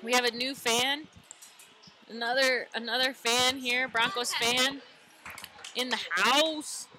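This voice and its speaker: A woman's voice: on the high side, steady tone, takes it slowly, bright, forceful tone, slight background noise. A young woman co-hosting a live football watch party in a bar, joking and teasing in casual banter. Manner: playful, teasing. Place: in a bar or brewery.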